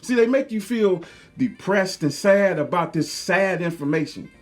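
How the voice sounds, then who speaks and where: A man's voice: high voice, animated, moderate pace, soft background music. Fired-up man on a profane rant. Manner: heated, profane, preachy, repetitive. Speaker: video commentator. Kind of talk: angry rant to camera.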